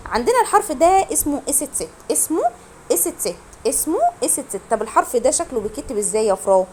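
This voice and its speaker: Lively Egyptian woman teaching German. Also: high voice, slight background noise. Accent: Egyptian Arabic. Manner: drills pronunciation, repeating words slowly and quizzing students. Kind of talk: online language lesson.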